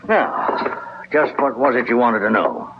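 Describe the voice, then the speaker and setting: A man's voice: mid-range voice, lively intonation, takes it slowly. A man playing a nervous, discreet frontier banker in a 1950s Western radio drama, speaking in a prim, formal, hesitant way. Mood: flustered. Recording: dull, faintly hissy 1950s radio recording.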